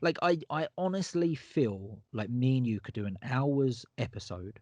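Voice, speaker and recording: A man's voice: mid-range voice, expressive, moderate pace, dark tone, dry recording. A man co-hosting a horror podcast in casual chat, enthusiastic and emphatic, often repeating himself. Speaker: podcast co-host.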